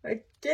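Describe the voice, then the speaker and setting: A woman's voice: high-pitched, a little mellow. A woman vlogger chatting casually to camera, her voice nasal from a stuffy nose, rambling with many fillers. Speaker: crafts vlogger.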